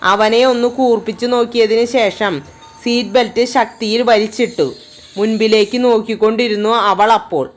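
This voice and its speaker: Woman storyteller, slightly high voice, voices each character herself. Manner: acts out each character's lines. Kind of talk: scripted story narration.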